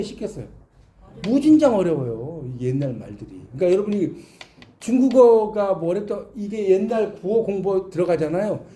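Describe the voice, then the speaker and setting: A man's voice: high-pitched, dark tone, a little hiss or hum. A man giving a classroom lecture, explaining with examples and asking his students questions. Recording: echoey classroom.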